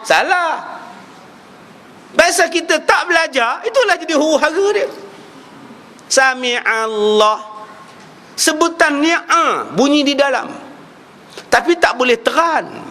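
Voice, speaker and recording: High-voiced Malaysian preacher in a reverberant hall. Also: male voice, expressive, sharp tone. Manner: joking, demonstrates pronunciation with drawn-out recitation. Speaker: religious preacher. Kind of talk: humorous sermon.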